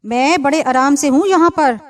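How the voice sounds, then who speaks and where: A woman reading an elderly village mother in a storybook, speaking in a comforting, soothing way. The voice sits a little high and gently raised. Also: moderate pace, natural voice. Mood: reassuring.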